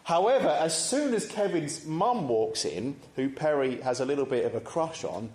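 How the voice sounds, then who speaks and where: A man preaching a sermon in a church, measured and conversational, pausing to pose reflective questions to the congregation. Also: fairly high pitch, sing-song, darkish tone. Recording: echoey church room.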